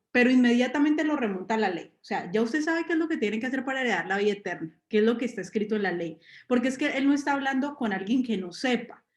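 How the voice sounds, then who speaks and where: Woman preaching with a fairly high voice in a roomy hall. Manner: asks the listeners rhetorical questions, everyday examples. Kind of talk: conversational sermon. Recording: roomy echo.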